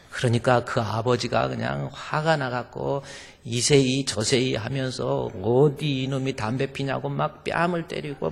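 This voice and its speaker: In a church sanctuary with long reverb, a man with a gravelly mid-range voice delivers a sermon to his congregation. He preaches emphatically, firing off rhetorical questions.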